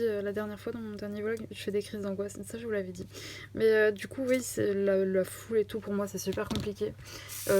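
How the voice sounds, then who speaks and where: A woman's voice: medium pitch, darkish tone. A young woman vlogger answering viewer questions in a casual chat, hesitant and chatty with lots of fillers. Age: young adult.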